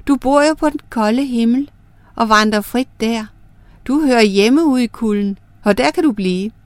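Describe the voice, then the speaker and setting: A clever young girl speaks quickly and defiantly, her voice lifting higher than the teller's own, as a woman reading the story puts her on. The recording is close and dry. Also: dry recording, close to an everyday voice. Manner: quick, defiant, sometimes calling out.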